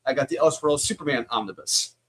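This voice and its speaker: A man's voice: medium pitch, lively intonation, fast talker, fairly bright tone. A man co-hosting a casual comic review chat, heated and ranting, swearing freely.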